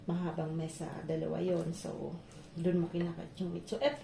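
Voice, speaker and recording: A woman's voice: fairly low pitch, level tone, moderate pace, gravelly, slight background noise. A woman from the Philippines chatting casually while she cooks for her vlog, often laughing as she tells stories. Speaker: vlogger. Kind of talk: casual cooking vlog chat. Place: home kitchen. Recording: echoey kitchen with loud clatter.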